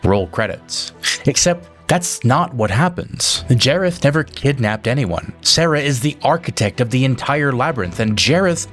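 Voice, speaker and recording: A man's voice: mid-range voice, very animated, moderate pace, a bit bright, faint music behind. A man giving a scripted narration for a film analysis video, laying out his argument in an emphatic, case-building manner.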